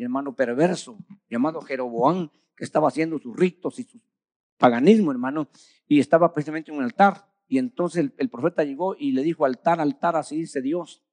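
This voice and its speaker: A man preaching a sermon, retelling a story with frequent calls of "hermano" and sudden swings from loud bursts to quiet drops. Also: fairly high pitch, no room sound.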